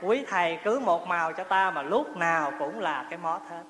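This monk's voice is high and a bit bright, with lively intonation at normal speed. Recorded in a reverberant hall with faint ambience, he gives a funny, chatty dharma talk, often laughing and questioning the audience.

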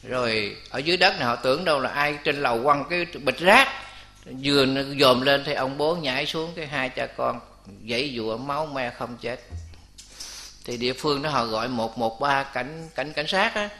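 A man giving a Buddhist sermon, telling stories and voicing the people in them, his pitch rising on key points. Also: moderate pace, pushed and bright. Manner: storytelling, acts out voices of people in the stories. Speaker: Buddhist monk. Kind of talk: Buddhist dharma talk with stories.

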